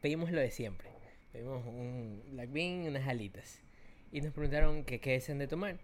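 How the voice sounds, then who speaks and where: A man, co-hosting a casual chat, teasing his partner and cutting in with quick questions. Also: medium pitch, a little hiss or hum. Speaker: podcast co-host.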